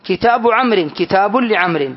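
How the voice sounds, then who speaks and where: High-voiced guy teaching a grammar class, slow and careful, keeps quizzing students, kinda muffled lo-fi sound. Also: expressive. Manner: slow, deliberate explanation with questions to students.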